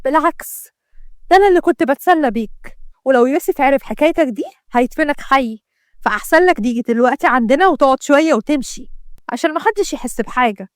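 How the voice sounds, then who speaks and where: A woman's voice: sits high, expressive, fast, no echo, clean studio sound. A woman voicing an arrogant young male cheat with an Egyptian accent, sneering and dismissive. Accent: Egyptian Arabic.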